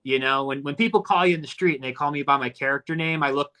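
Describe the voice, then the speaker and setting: A man in his thirties talks earnestly in a casual live chat, working his thoughts out as he goes and restarting his sentences. His voice is bright and clear. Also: a little high, fast. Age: 30s. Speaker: actor hosting a live stream.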